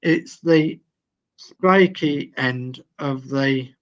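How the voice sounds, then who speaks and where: A mid-range, slightly bright male voice is heard over dull audio. The speaker, an older man from Yorkshire by his accent, patiently guides a video call through building a model, slowly reading each instruction aloud in turn.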